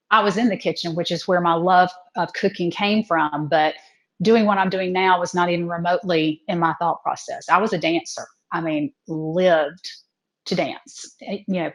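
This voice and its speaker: A woman's voice: on the low side, moderate pace, low-quality recording. A woman, telling her story in a casual interview and acting out quoted lines. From South Georgia, USA. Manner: lively storyteller who acts out quoted lines. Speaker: TV cooking show host, guest.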